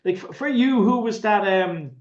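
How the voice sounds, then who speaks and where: A man with an Irish accent hosts a casual interview. His voice is on the high side and he rambles with a fan's effusiveness. The recording is echoey and somewhat muffled. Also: lively intonation, normal speed, darkish tone, a little hiss or hum. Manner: effusive, rambling, sweary fan. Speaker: interviewer, host. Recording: echoey, dull lo-fi sound.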